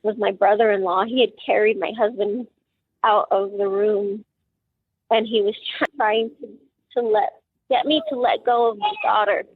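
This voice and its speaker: A middle-aged woman, a grieving mother, recounting a painful memory in an interview, halting and emotional with many pauses and fillers. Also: medium pitch, fairly even intonation, breathy edge, no echo. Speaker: mother of a murder victim. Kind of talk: personal account in an interview. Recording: tinny phone-like sound.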